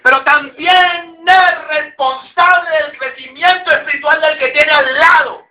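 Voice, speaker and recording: A man's voice: very high-pitched, fairly even intonation, measured pace, bright, forceful tone, muffled recording. A male pastor, preaching a sermon and exhorting the congregation directly in a conversational way.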